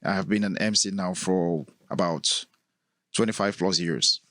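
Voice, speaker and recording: A man's voice: deep voice, measured pace, dry recording. A middle-aged man from Cameroon with a Cameroonian accent, telling stories as a podcast guest and laughing often. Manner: laughs often, storytelling, relaxed. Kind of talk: casual interview chat.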